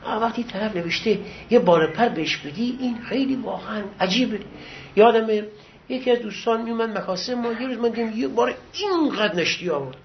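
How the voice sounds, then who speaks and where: A middle-aged man with a high voice teaches a seminary class and tells stories from his own past, in an easy and encouraging way. The recording is dull and lo-fi. A faint hiss sits under his voice. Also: lively intonation, creaky. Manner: conversational, reminiscing, encouraging. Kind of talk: lecture with personal anecdotes.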